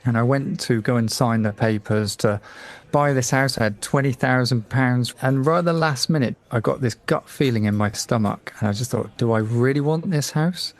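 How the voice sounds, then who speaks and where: A middle-aged man from England, a guest on a radio talk show, telling a personal story in a lively way and acting out the voices of people he quotes. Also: mid-range voice, moderate pace.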